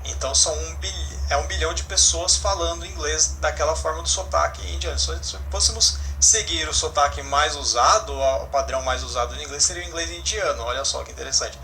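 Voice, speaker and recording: Male English teacher, fairly high and bright voice, patient explainer, faint background hiss. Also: brisk, few pauses. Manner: explanatory, frequent "né?" and self-corrections. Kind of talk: online class explanation.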